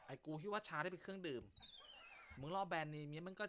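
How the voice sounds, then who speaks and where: A man's voice: on the high side, quick pace, fairly bright tone, a little hiss or hum. A male comedy host telling jokes in casual chat, teasing banter full of crude slang.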